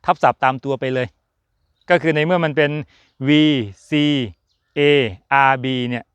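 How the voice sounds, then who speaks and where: A man's voice: mid-range voice, normal speed, fairly bright tone, clear, resonant tone, no room sound. A man hosting a casual chatty motorsport talk, joking and rambling with fillers as he talks to his viewers. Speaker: F1 channel host. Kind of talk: casual chat to camera.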